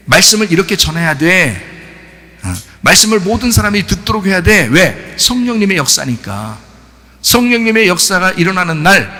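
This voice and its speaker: Animated high-voiced Korean pastor preaching. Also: male voice, big-room sound. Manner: animated, rhetorical questions to the congregation, bursts of shouting. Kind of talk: sermon. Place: church sanctuary.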